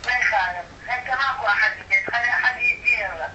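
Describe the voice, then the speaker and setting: A woman's voice: a little high, fast talker, highs cut off. Iraqi woman, distant and echoey on a call. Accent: Iraqi Arabic. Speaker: prank call recipient. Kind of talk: casual phone conversation. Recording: distant, echoey, noisy phone audio.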